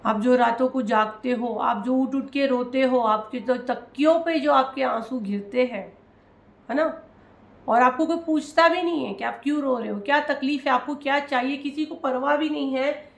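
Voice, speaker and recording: A woman with a somewhat high, gravelly voice gives a tarot reading to her viewers. She talks in an emotional, consoling way and addresses them directly. The sound is echoey, as if from a bare room. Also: moderate pace. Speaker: tarot reader.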